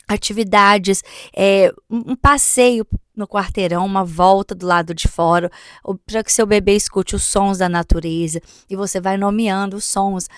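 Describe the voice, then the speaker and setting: A woman, explaining early literacy to parents in an unhurried, instructive way. She pauses and restarts words as she goes. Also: medium pitch, no echo, studio quality. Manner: breaks into sung nursery rhymes in a lilting voice. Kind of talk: explanatory talk to camera.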